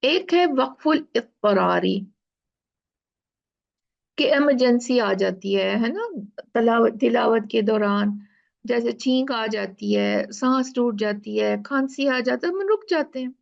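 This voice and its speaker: A woman teaching Quran recitation rules, explaining slowly step by step and often checking in with her listeners. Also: on the high side, gravelly, lo-fi sound. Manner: slow, explaining step by step with frequent "theek hai". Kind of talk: tajweed lesson.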